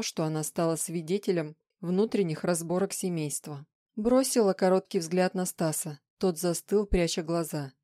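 A woman reading a novel aloud as a narrator, in measured storytelling. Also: on the low side, warm tone, no room sound, clean studio sound. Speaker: audiobook narrator. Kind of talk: scripted narration.

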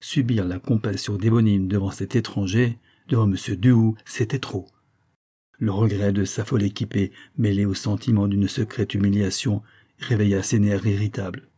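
A man reads a novel aloud in a measured, even audiobook narration. His voice is low and slightly husky, with a mellow, dark colour.

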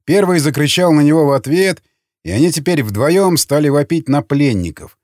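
Lively man narrating an audiobook. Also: on the high side, normal speed, no room sound, studio quality. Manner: expressive, voices many characters.

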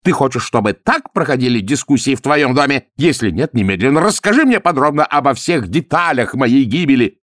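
A man's voice: medium pitch, animated, brisk, few pauses, a bit bright, no echo, studio quality, voice pushed up, close to an everyday voice. A man voicing a brash, mocking former cavalry officer in an audiobook. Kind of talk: audiobook character voice.

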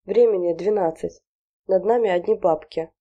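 A jittery teenage girl, afraid of her parents, who hisses her words under her breath, as a woman reads her. The voice is a little higher than the reader's own and keeps its dark, mellow timbre. It is an audiobook reading. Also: normal speed, muffled recording, close to an everyday voice. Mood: panicked hiss. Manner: anxious, hissing under breath. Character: nervous, well-behaved teenage girl fearing her parents.

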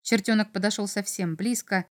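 A woman reading a children's science fiction story aloud as narrator, with even, expressive storytelling. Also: mid-range voice, moderate pace. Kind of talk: audiobook narration.

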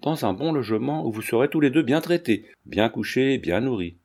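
A man's voice: medium pitch, lively intonation, normal speed, darkish tone. A man reading as a kind genteel young lady. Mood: gentle.

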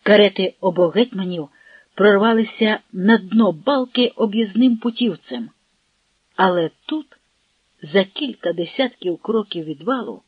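A narrator reading a historical novel in a measured, dramatic way. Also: medium pitch, husky, no room sound, narrow, tinny audio.

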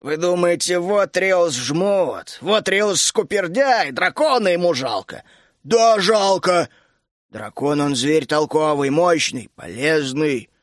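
A gruff, grumpy middle-aged dragon keeper, put on by a male audiobook narrator, grumbling and scolding with sudden hot outbursts. The voice sits lower than his narration and is recorded close and dry. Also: sing-song, takes it slowly, hardly any pauses, no echo, exaggerated voice. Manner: grumbling, scolding, bursts out hotly. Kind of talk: audiobook character voice.

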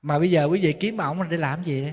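A man, a Buddhist monk with a Southern Vietnamese accent, giving a sermon full of lively stories and acted-out quoted voices. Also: a little high, fairly quick, slightly rough. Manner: storytelling, acting out quoted voices, teasing. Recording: long hall reverb.

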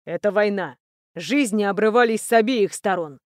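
A woman reading aloud, voicing a cold, calculating male elf prince who interrogates his captive in a low, slow, menacing voice. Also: no room sound, studio quality, natural voice. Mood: callous.

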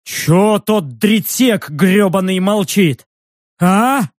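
A man's voice: high-pitched, expressive, very slow, no echo, studio quality, full character voice. A man voicing a proud, blustering male patrol leader who argues indignantly in an audiobook.

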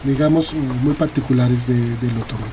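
A man's voice: mid-range voice, steady tone, brisk, warm tone, a little hiss or hum. A man with a Mexican accent, a guest linguist explaining things in an interview, hesitant and full of fillers and tag questions.

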